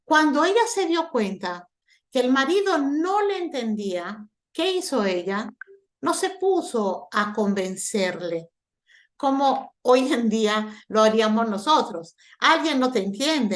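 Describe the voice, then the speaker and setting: A woman's voice: fairly high pitch, a bit bright. A woman teaching a Torah lesson over a video call, telling the story and explaining it with rhetorical questions.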